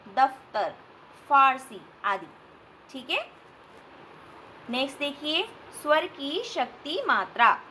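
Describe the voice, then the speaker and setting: A woman teacher giving a recorded grammar lesson for children, slow and patient, spelling out sounds with examples. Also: sits high, bright, forceful tone, slight background noise. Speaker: school teacher.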